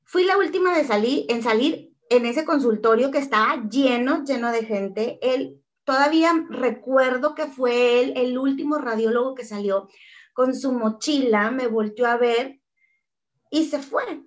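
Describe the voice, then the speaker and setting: Mexican woman, interview guest, earnest and emotional, slightly high voice. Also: a little slow. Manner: earnest, emotional retelling that acts out quoted dialogue. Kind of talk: personal story in an interview.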